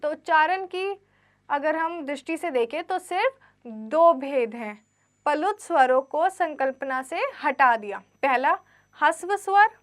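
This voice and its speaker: A woman's voice: high-pitched, animated. A woman teacher giving a grammar lesson to children, reading textbook lines and then re-explaining them simply, asking quiz questions and answering them herself. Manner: drawn-out letter recitation.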